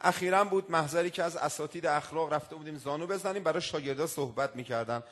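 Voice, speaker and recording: A man's voice: on the high side, fairly bright tone. A male cleric delivering a sermon, building into emphatic declamations and reciting Arabic quotations. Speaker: cleric preacher.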